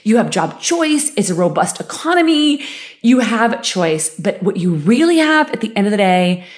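A woman's voice: medium pitch, sing-song, moderate pace. A middle-aged woman who founded a company, hosting a motivational podcast monologue, emphatic and full of filler words, laughing easily.

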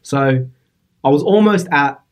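A man, talking in a relaxed, easygoing way as a podcast guest in an office. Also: on the high side, measured pace. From Iraq, raised in western Sydney. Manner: relaxed, easygoing, some restarts. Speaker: guest bodybuilder and engineer. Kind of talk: casual interview.

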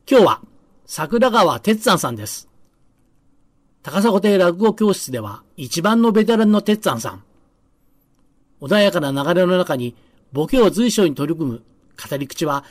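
A man's voice: fairly high pitch, no room sound. A male radio host giving a cheerful scripted introduction.

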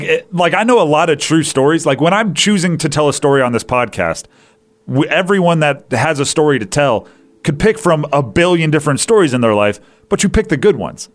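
A man hosting a podcast, casually chatting through a movie review in a rambling way, with restarts and fillers. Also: medium pitch. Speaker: podcast host.

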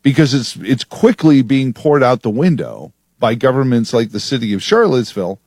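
A man's voice: medium pitch, animated, normal speed, darkish tone, no echo. A man hosting a talk radio show, delivering an opinionated, sardonic monologue from a studio.

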